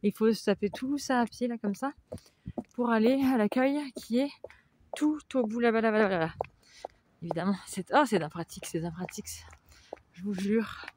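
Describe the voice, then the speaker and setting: A woman's voice: a little high, fairly quick, a little mellow. A woman vlogging outdoors, exasperated and ranting with hesitations. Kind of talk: casual vlog. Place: outdoors, parking lot and hospital grounds.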